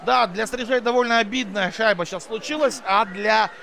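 A man commentating live hockey with an excited goal call, exclaiming and drawing out words with colloquial interjections. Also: high-pitched, normal speed, gravelly. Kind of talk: live play-by-play sports commentary.

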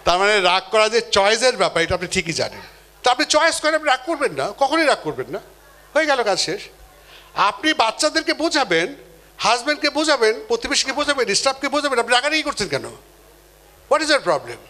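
A man giving a live motivational seminar talk, animated, acting out quoted people and putting questions to the audience. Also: extremely high pitch, brisk. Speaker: motivational speaker.

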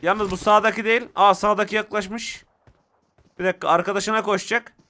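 A young man giving excitable, casual commentary to viewers while playing a mobile shooter game. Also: high-pitched, brisk, very noisy.

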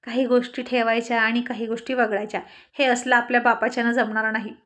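A woman's voice: a little high, little pitch movement, quick pace, fairly bright tone, close to an everyday voice. A woman storyteller voicing a playful, mischievous husband who loves to joke and tease his wife. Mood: teasing. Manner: joking, mischievous banter. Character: playful teasing husband, grown man.

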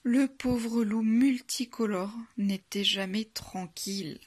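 Casting: a woman storyteller, hushed bedtime reading, husky and a touch high. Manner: soft, hushed, unhurried.

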